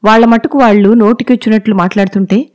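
A woman reading a short story aloud in a steady, measured way. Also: on the high side. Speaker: narrator. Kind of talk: scripted story narration.

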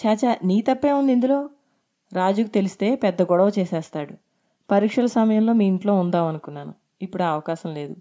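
A woman's voice: mid-range voice, fairly quick, warm tone, natural voice. A woman voicing an indignant young friend. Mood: consoling.

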